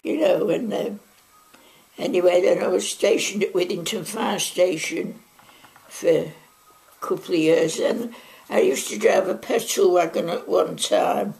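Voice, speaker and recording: A woman's voice: lowish voice, measured pace, creaky, a little mellow. A woman in her nineties with a Mancunian accent, chatting her way through wartime memories in an oral history interview at home, with plenty of asides. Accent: Mancunian English. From Manchester, England. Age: 90s. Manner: chatty, rambling reminiscence with frequent asides. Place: living room at home.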